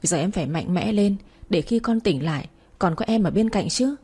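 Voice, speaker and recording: A woman's voice: mid-range voice, animated, moderate pace, slightly rough. A woman voicing a kind, generous female company director in a spoken story. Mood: comforting. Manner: warm, caring, motherly.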